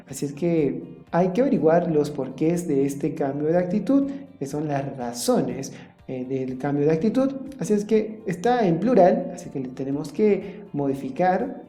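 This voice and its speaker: A man teaching an online school class, often checking in with the listener and pausing on fillers. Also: fairly high pitch, dark tone. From Peru. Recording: roomy sound with faint background music.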